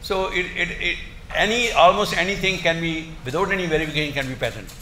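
An older man giving an academic lecture in a halting, emphatic way, often repeating his words. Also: on the high side, sharp tone. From India. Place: indoor lecture room, seated at a desk. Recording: roomy echo, faint background noise.

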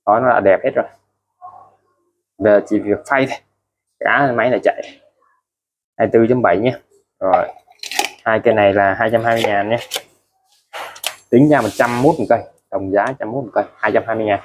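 A man's voice: on the low side, a little fast, pauses often, a little hiss or hum. Chatty man selling tools. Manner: repetitive, keeps restating prices and codes; chatty, ends phrases with friendly particles. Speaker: used tool seller. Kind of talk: casual product showcase.

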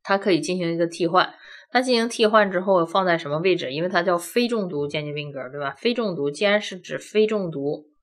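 In a lowish voice and at a fairly quick clip, a female language teacher works through a classroom-style grammar lesson point by point. She often asks rhetorical questions, and Chinese is her first language.

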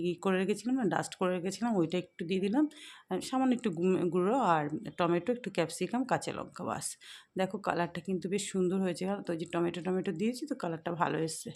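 A woman narrating a home cooking vlog as a voice-over, speaking softly and slowly, tired and weak, with chatty asides to her viewers. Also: on the low side. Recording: echoey room, faint background noise.

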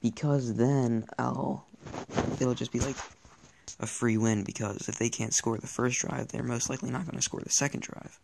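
A man's voice: medium pitch, steady tone, moderate pace, creaky, a little mellow, slight background noise. A teenage boy chatting casually over his own football gameplay, rambling and cheering plays on. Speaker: gaming YouTuber.

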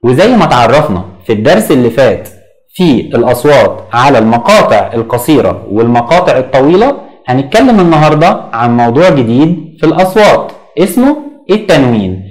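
A man with an Egyptian accent teaching a children's lesson. He patiently asks questions and answers them himself, stretching words out slowly. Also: medium pitch, very animated, soft background music. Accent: Egyptian Arabic. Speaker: primary school Arabic teacher.

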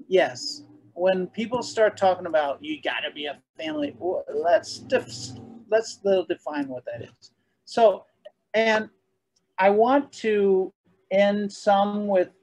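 A man's voice: high-pitched, a little mellow, poor audio. A man hosting a community meeting on a video call, talking casually and restarting his sentences. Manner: hesitant, restarts often. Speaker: host.

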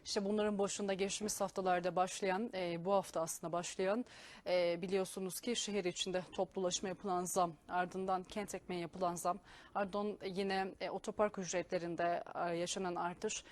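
A woman's voice: on the low side, flat delivery, moderate pace. A woman working as a TV news presenter, conducting a live interview in a courteous, formal way.

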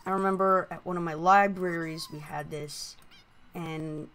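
A woman giving casual, rambling gameplay commentary through a voice changer, halting and prone to excited exclamations. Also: mid-range voice, a little hiss or hum. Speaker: gaming video host.

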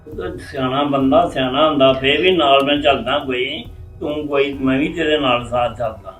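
A man playing a father-in-law in a family drama, persistent and steady as he talks. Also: medium pitch, normal speed, faint music behind, natural voice. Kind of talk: Punjabi family web drama acting. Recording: roomy and distant from the mic.

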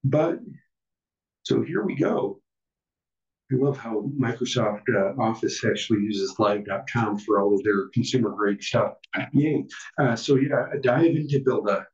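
A man giving a casual technical presentation to a user group. He talks haltingly, with many fillers and self-deprecating asides. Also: mid-range voice, animated. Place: meeting room with an audience. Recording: distant, roomy, dull room recording.

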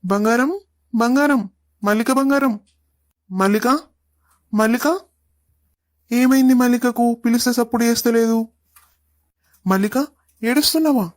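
A woman's voice: on the high side, normal speed, long pauses, dry recording, clean studio sound, natural voice. A woman playing a doting young husband who coaxes his wife in Telangana Telugu. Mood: coaxing. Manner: coaxing, affectionate, then indignant. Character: doting young husband, protective and quick-tempered.

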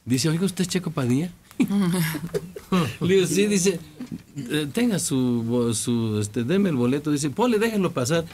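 Man, Mexican accent, radio co-host, jokey storyteller, slightly high voice. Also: takes it slowly, long pauses, a little hiss or hum. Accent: Mexican Spanish. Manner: jokey, animated retelling. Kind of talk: casual radio chat, storytelling.

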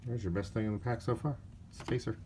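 A man with a mid-range voice unhurriedly opens card packs on camera, giving casual commentary on each and flatly naming the players, somewhat worn out. The recording is very noisy, with wrapper crinkles and card clicks behind him.

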